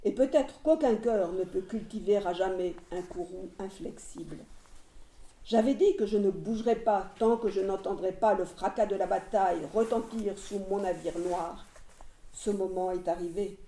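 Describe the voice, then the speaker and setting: A woman reading the lines of a proud, wrathful male warrior hero, in a grave, measured way. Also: medium pitch, dark tone, lightly acted. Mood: stern. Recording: roomy echo.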